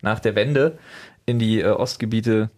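A man's voice: lowish voice, unhurried, a little mellow. A man co-hosting a casual podcast, earnestly explaining things and correcting the others. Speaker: podcast co-host. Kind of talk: casual group chat.

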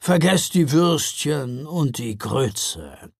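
A woman voicing a calm, friendly old Father Frost in a storybook reading, speaking slowly and gently. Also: deep voice, gravelly, breathy edge, no echo, studio quality, exaggerated voice. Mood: kindly. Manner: slow, friendly.

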